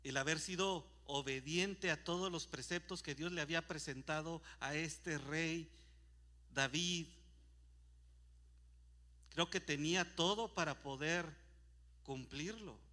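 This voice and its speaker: Bright-voiced pastor preaching. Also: male voice, fairly high pitch, slow, pauses often. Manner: emphatic Bible reading with rhetorical questions. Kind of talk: sermon. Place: church.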